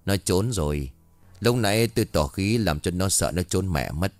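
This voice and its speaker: A man voicing a calm, commanding exorcist master. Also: sits low, normal speed, no room sound, soft background music.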